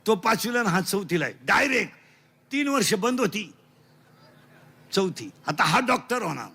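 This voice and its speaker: High, bright-voiced Marathi preacher. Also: male voice, very animated, moderate pace, vocal fry, breathy edge. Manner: loud, teasing, quizzes the crowd in call-and-response; mixes broken English lines into the sermon. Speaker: kirtan preacher. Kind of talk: comic devotional sermon.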